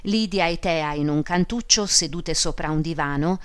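A woman narrates a classic novel in a measured, even way. Her voice sits low and sounds smooth and resonant. The reading is close and clean. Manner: measured, even storytelling delivery. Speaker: audiobook narrator.

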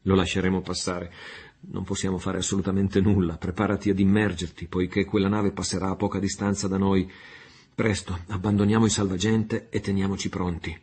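A man's voice: low-pitched, level tone, brisk, darkish tone, slight background noise, natural voice. A man voicing a bold, fierce pirate captain who speaks in a commanding, urgent way. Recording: faint music underneath.

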